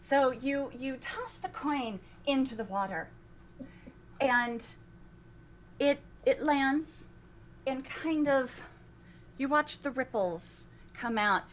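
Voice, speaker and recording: Woman running a tabletop game, kinda high voice, talks slow n halting, bit of hiss behind. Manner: slow, halting narration with many restarts. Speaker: game master.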